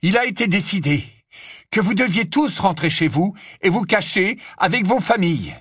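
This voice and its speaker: A man's voice: mid-range voice, sing-song, brisk, slightly rough, dry recording, studio quality, voice pushed up. A man voicing a determined teenage boy wizard in an audiobook, giving urgent commands.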